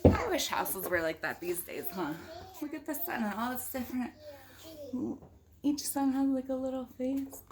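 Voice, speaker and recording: A mother reads a picture book aloud for young children and viewers in a casual storytime, talking informally with chatty asides and questions. Her high-pitched voice has lively intonation at a moderate pace over a noisy background.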